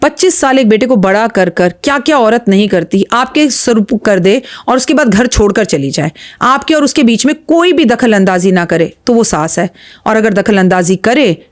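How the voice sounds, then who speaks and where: A woman astrologer speaks as a podcast guest in a slightly high voice. Her tone is blunt, emphatic and preachy as she gives advice. She often retells stories in quoted dialogue. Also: expressive, moderate pace.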